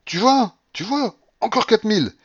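A man's voice: expressive, a little fast, fairly bright tone, no room sound. A man reading an audiobook voices an impatient old grandmother who gambles at roulette. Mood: excited. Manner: commanding, impatient, shrill outbursts. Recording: muffled lo-fi recording.

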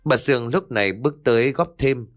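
A man reads a long serialized story in the steady manner of an audiobook narrator. His voice sits at an ordinary middle pitch, and he shifts his tone as he takes on each character in turn. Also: brisk, soft background music.

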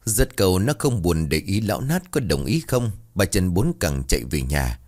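A man narrating a ghost story in a lively storytelling manner. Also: deep voice, moderate pace.

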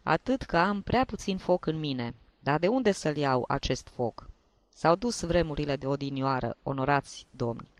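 A man's voice: a little high, animated, no room sound, lightly acted. A man voicing a tipsy old male journalist with a reedy tenor voice, giving rambling, sentimental toasts. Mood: nostalgic.

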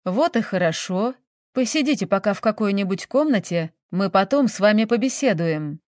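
A woman's voice: medium pitch, lively intonation, moderate pace, a little mellow, no echo, clean studio sound, natural voice. A woman reading a story, voicing a brusque, hot-tempered male police investigator who barks orders and questions. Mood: businesslike. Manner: barking, then coaxing.

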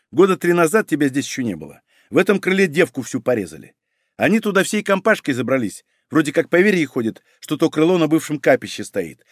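Brash middle-aged hospital chief, voiced by a man, coarse and bossy, lively pitch. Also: no room sound, studio quality. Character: loud brash middle-aged female head doctor.

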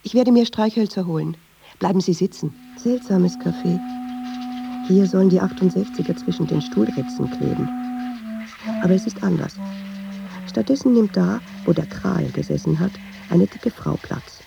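In a lo-fi recording set over music, a woman with a fairly low, creaky voice speaks at a moderate pace. She is an actress in an intimate radio drama monologue, playing a nervous, watchful woman who voices her inner thoughts hesitantly and drops into half-whispers, the mood musing and watchful.

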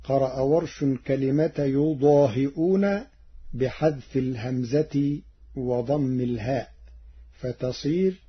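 Slow husky-voiced man teaching recitation. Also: mid-range voice. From Egypt. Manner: measured, deliberate, chanting the quoted verses. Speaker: Quran recitation scholar. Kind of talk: formal radio lesson on Quran reading variants. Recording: dull lo-fi radio broadcast.

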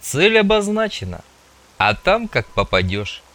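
A man voicing a scarred, gruff male stalker gang leader, speaking slowly and measuredly in an audiobook. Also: medium pitch, very animated, a bit bright. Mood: curt.

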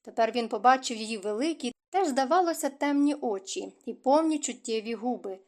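A woman reading a romance novel aloud as an audiobook narrator, in expressive storytelling. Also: on the high side, a little fast.

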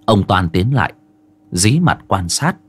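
Man, folk ghost story narration, very lively pitch. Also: a little slow, husky. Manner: animated, dramatic.

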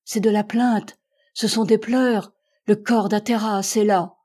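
A woman reading as an excited male ship's doctor who calls out in loud, urgent bursts, his voice climbing high. The tone is mellow and a little husky, as in a storybook reading. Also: unhurried. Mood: exclaiming.

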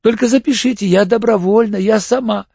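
A man's voice: sits high, a little fast, gravelly, darkish tone, slightly rough, no echo, pitched above the performer's own voice, heavily acted. A male audiobook reader voicing a frightened, hysterical woman under arrest, panicked and pleading near tears. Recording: dull lo-fi audiobook recording.

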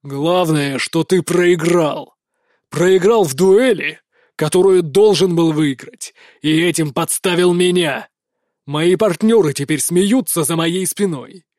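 A man's voice: fairly high pitch, expressive, normal speed, a little mellow, no echo, clean studio sound. A man voicing a stern, domineering middle-aged prince scolding his son, harsh and barking. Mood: angry.

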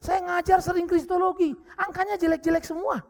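A man with an Indonesian accent preaching a sermon, joking with the crowd and bursting into sudden shouts. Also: very high-pitched, brisk, gravelly. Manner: lively preaching with jokes, acted quotes and sudden shouts. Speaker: pastor.

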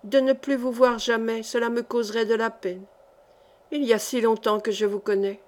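A shy, devout young girl speaks softly and innocently, as a woman reader gives her lines. Her voice sits fairly high. This is an audiobook of a classic novel. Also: fairly even intonation, normal speed, close to an everyday voice. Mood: earnest. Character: timid pious young girl, childlike. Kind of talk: audiobook character reading.

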